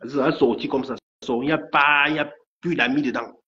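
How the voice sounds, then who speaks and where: A man's voice: medium pitch, fairly even intonation, brisk, bright, forceful tone. A man ranting angrily on a live stream, stammering and repeating his threats. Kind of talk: angry live rant. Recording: dull lo-fi stream audio.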